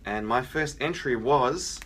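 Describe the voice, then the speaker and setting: A man co-hosting a comics fan show shows off his haul in a casual, slightly hesitant show-and-tell chat. His voice is medium-pitched, fairly bright, and slightly rough, and he speaks slowly. The room ambience is noisy.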